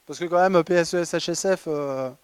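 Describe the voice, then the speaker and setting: Chatty high-voiced French man presenting. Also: a little fast, clean tone, dry recording. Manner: ironic, chatty, many fillers and restarts. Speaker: conference presenter. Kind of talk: humorous award presentation. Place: conference hall.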